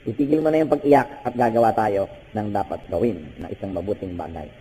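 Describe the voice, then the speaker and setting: An older man with a Filipino accent, preaching a sermon with animated bursts and switching between Tagalog and English. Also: brisk, slight background noise. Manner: animated preaching with sudden high-pitched bursts. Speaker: pastor. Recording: hall with long reverb.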